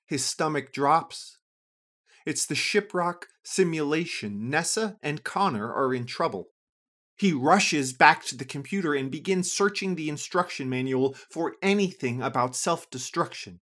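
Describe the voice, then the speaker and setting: A storyteller reading a scripted adventure story for children, with an expressive, lively delivery. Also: unhurried. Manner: lively, expressive reading with a wide pitch range.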